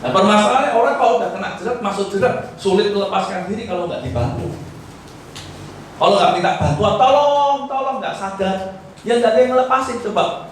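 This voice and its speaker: A man preaching a sermon as pastor, exhorting and acting out prayers, his voice swinging from loud to hushed. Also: high voice, fast talker, a little hiss or hum. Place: church hall. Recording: echoey hall, voice from far off.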